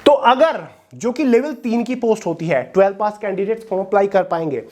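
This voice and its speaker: A woman's voice: medium pitch, expressive, brisk, a little mellow. Woman, coaching educator, direct explainer who keeps checking that the audience follows. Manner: direct, checks in with listeners often. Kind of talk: explanatory talk to exam aspirants.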